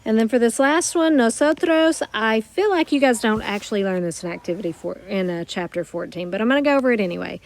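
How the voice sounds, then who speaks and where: A woman teaching a recorded grammar lesson, explaining slowly and carefully with worked examples. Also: on the high side, lively intonation. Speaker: Spanish teacher.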